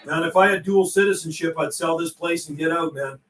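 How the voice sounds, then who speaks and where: Chatting casually over CB radio on his livestream, a middle-aged man, operator and host, sounds folksy and tends to repeat himself. His voice is fairly high and brisk, and the sound is roomy and far from the mic, with a noisy background.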